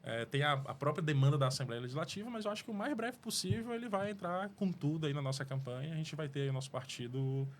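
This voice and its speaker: His pitch is fairly high and he talks fast, barely pausing, with a little hiss or hum in the background. The man, a mayoral pre-candidate from Fortaleza with a Cearense Portuguese accent, gives an earnest, rambling studio podcast interview full of restarts.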